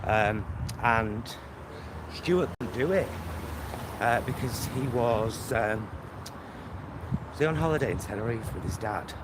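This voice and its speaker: A man from Greater Manchester rambles through a casual walking vlog outdoors by roads and a motorway, cutting himself off mid-thought in his Northern English accent. His medium-pitched voice has lively intonation, and he takes it slowly with frequent pauses, all over heavy traffic noise and outdoor ambience.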